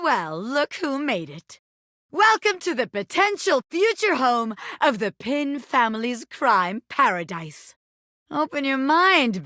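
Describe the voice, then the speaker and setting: A woman's voice: fairly high pitch, bright, forceful tone, dry recording, studio quality, heavily acted. A woman voicing a brash, flirty bobby pin gangster in a video game, a scheming criminal mastermind with cocky, street-tough wiseguy talk. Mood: boastful, flirty. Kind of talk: animated video game character acting.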